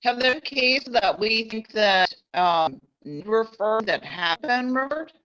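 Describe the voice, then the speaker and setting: A woman asking a halting question in a meeting over a video call, her voice muffled and garbled as if she were underwater. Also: on the high side, expressive, fairly bright tone. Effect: muffled, garbled sound like talking underwater. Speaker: work group member on a video call. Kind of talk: meeting discussion. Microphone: video call connection. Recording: dull lo-fi video call audio.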